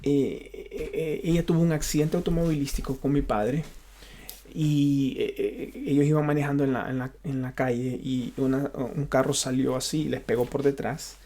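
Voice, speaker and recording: A Honduran pastor speaks in Honduran-accented Spanish, offering an unscripted personal testimony. His mid-range, warm voice stays fairly even in intonation, though he often halts and repeats himself while searching for words.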